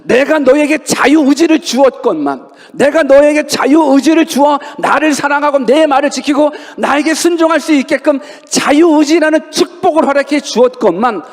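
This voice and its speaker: A sorrowful God pleads with his people, high-pitched and swooping with feeling, voiced by a male preacher. The voice rings out with a long church reverb behind it. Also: lively intonation, normal speed, hardly any pauses. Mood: grieving. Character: grieving God lamenting to disobedient humans.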